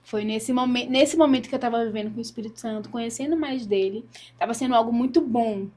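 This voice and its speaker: A Brazilian woman with a highish, slightly mellow voice speaks fast over a little hiss or hum. As a guest giving a testimony, she earnestly tells her personal faith story and acts out the words she said back then.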